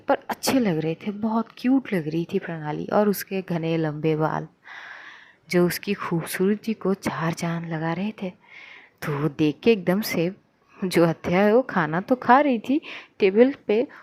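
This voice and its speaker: A woman's voice: medium pitch, darkish tone. Female storyteller, casual conversational narration of a romance. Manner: conversational, loose, filler-heavy retelling.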